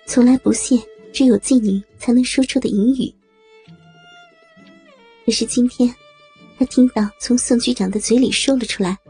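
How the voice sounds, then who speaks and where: A woman narrating an audio story with slow, steady reading. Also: fairly high pitch, breathy edge.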